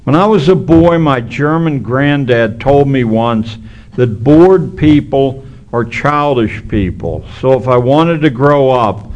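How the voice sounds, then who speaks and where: A man's voice: mid-range voice, slow, a little mellow. A man giving a public lecture, with hesitant starts and a slight lisp from missing front teeth. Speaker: keynote speaker.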